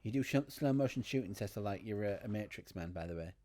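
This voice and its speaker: A man's voice: fairly low pitch, lively intonation, fast talker, dark tone. A man giving casual, joking commentary as he plays a game. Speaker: gamer commentating on a playthrough. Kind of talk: casual joking banter over gameplay.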